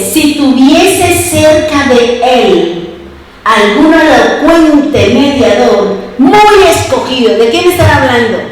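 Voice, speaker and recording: A woman's voice: high-pitched, very echoey, poor audio. A woman preacher giving an emphatic sermon, asking her congregation rhetorical questions. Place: church.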